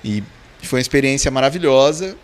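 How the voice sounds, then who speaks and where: A man's voice: mid-range voice, brisk. A man with a Brazilian Portuguese accent, a podcast guest telling casual stories, acting out the dialogue and laughing often. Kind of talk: casual storytelling in a podcast interview.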